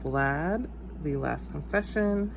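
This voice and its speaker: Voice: mid-range voice, takes it slowly, vocal fry, noisy background. A book haul vlogger from Texas with a congested, sniffly voice, chatting casually and rambling into asides and self-corrections. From Texas, United States. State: sniffly, stuffed-up nose. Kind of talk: casual chat.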